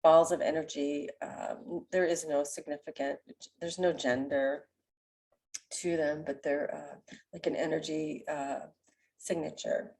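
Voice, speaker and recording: A woman with a nasal, stuffy voice, giving a spiritual card reading in a gentle, meandering way with many pauses. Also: sits low, fairly even intonation, vocal fry. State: sick with a cold. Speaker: oracle card reader.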